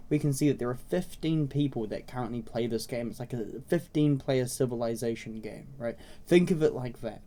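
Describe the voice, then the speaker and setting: Raspy man with a cold, mellow tone. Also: mid-range voice. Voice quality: slightly raspy. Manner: informal, explanatory, often checking in with "okay?" and "right?". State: congested with a cold, frequent throat clearing. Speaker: video host introducing a browser game series. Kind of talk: casual tutorial commentary.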